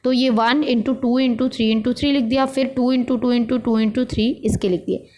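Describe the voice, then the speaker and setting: Woman teacher, fairly high voice, patient question-and-answer explaining. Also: steady tone, fairly quick, a little mellow. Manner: patient, asks and answers own questions, calls students beta. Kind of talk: maths lesson explained step by step.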